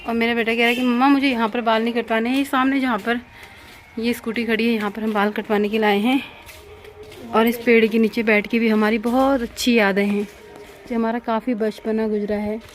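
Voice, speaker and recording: A woman's voice: fairly high pitch, flat delivery, a little fast, low-quality recording. A woman in her thirties chatting to viewers in a casual home vlog, recorded outdoors at a village home. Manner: chatty, addresses viewers directly. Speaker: vlogger.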